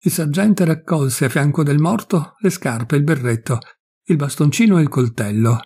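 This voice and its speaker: A man reading a classic novel aloud in a measured, deliberate and solemn way. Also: on the high side, a little mellow, breathy edge. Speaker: audiobook reader. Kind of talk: scripted narration of a classic novel.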